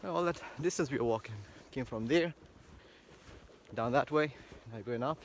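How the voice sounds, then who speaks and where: A man's voice: mid-range voice, normal speed, slight background noise. Guy rambling to his camera out on a snowy farm, lots of uhs, regular mid voice, faint outdoor sounds. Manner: rambling, thinking aloud with many fillers. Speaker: vlogger. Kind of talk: casual walk-and-talk vlog. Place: outdoors on a snowy rural property. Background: faint outdoor rural ambience.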